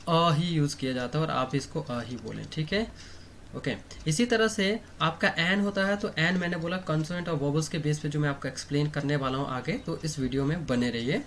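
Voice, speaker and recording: Writing on a board throughout, a man explains English grammar in Hindi in an online lesson. His voice is a little high and a bit bright, and he poses questions only to answer them himself, sprinkling in "okay" and "theek hai". A slight hiss or hum can be heard.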